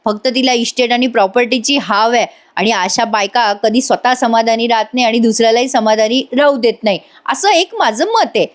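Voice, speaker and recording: A woman's voice: fairly high pitch, brisk, few pauses. A woman narrating a voice-over review, chatty and opinionated as she retells a TV serial episode.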